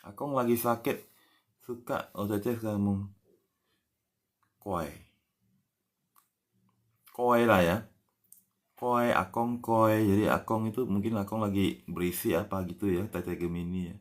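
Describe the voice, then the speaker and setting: A man giving a casual language lesson, patiently explaining words and spelling them out letter by letter, ending many phrases with a soft "ya". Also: on the low side, unhurried, pauses often. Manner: frequent tag "ya" after phrases. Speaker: language teacher.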